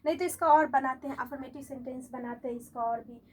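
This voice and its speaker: A woman teaching English grammar in a classroom-style lesson, explaining slowly, repeating examples and asking her students whether they follow. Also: high-pitched, fairly even intonation, darkish tone, husky.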